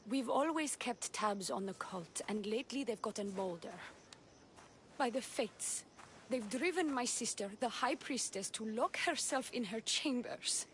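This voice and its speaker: Sly, poised priestess, measured and theatrical. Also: female voice, fairly high pitch, lively intonation, fairly bright tone, a little hiss or hum. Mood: coy, confiding. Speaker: game character. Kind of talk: video game voice acting.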